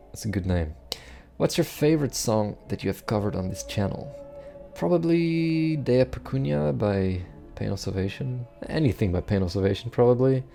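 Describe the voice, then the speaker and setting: A young man with a deep, gravelly voice that is wearing thin. He reads out and answers viewer questions in a dry, self-deprecating way, with a dark, mellow tone and faint music underneath. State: losing his voice. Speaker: bass cover channel host.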